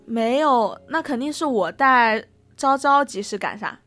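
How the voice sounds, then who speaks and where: A woman's voice: a little high, expressive, unhurried, fairly bright tone. A young woman co-hosting a casual chat stream, bantering and teasing her partner. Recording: clear music in the background.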